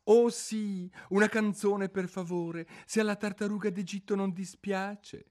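A man's voice: high-pitched, steady tone, a little mellow, pitched above the performer's own voice. A man voicing an eager, polite young girl who speaks in a hurry. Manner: hurried, eager.

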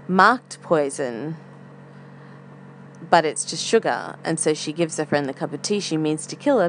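A woman podcast host thinking aloud in a casual, reflective monologue, with some hesitancy as she feels for words. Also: low-pitched. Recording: faint air conditioner hum. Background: humming air conditioner.

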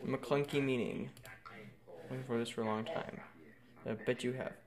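A man's voice: medium pitch, steady tone, normal speed, a crowd in the background. A man chatting casually through a film commentary, rambling and correcting himself as he talks, recorded in an echoey room without carpeting. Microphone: headphones while recording.

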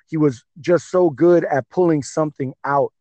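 A man co-hosting a podcast, chatting casually about fights in an excitable, rambling way with many fillers. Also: fairly high pitch, normal speed, no echo. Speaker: podcast co-host. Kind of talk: casual sports chat.

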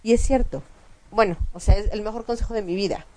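A woman's voice: medium pitch, fast. A woman, co-hosting a casual chat show and explaining points at length with frequent restarts. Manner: animated, explanatory, many restarts and fillers. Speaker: co-host.

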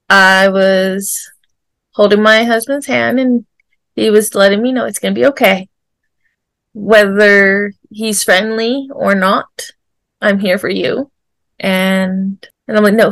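A woman in her forties telling a personal story on a podcast, animated and laughing often as she acts out what people said. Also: mid-range voice, gravelly, no echo. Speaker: podcast guest. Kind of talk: casual storytelling.

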